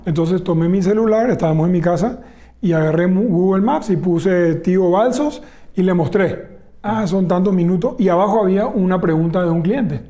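A man's voice: high voice, moderate pace, warm tone. A man, a telecom executive in a business interview, laying out his points one by one. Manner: explains point by point, enumerating pillars.

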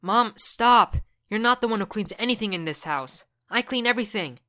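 A woman's voice: medium pitch, moderate pace, sharp tone, no room sound, studio quality, voice pushed up, natural voice. A woman voicing a frightened teenage boy who pleads with and protests to his mother. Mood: panicked.

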